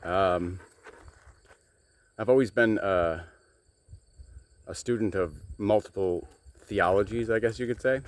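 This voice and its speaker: An American man giving a casual, halting vlog update outdoors in his backyard, with plenty of fillers. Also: on the low side. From United States. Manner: rambling, halting, many fillers. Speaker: channel host.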